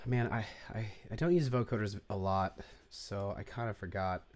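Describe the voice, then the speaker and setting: A man's voice: moderate pace, a little mellow. A man giving a casual, unscripted music production tutorial, rambling, correcting himself and muttering as he clicks around. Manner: low-key, offhand, unpolished. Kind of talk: casual screen-share tutorial.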